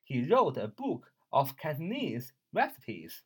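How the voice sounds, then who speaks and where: Male vocab teacher with a husky voice and lots of pitch swing; spells words out slowly and repeats them. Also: wildly swooping pitch. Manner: explains in a chatty, friendly way. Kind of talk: recorded vocabulary lesson.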